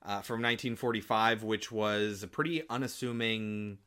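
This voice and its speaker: Male film-podcast co-host: forward, bright tone, informal and keen, conversational. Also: on the low side, fairly even intonation, normal speed, clean tone. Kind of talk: casual film review chat.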